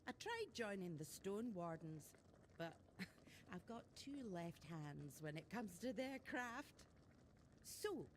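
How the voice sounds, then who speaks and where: A woman's voice: medium pitch, slight background noise, lightly acted. Actress as a merry, swooping older village shopkeeper woman. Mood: nostalgic, frank. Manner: teasing, folksy, chuckling storyteller. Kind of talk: video game character dialogue.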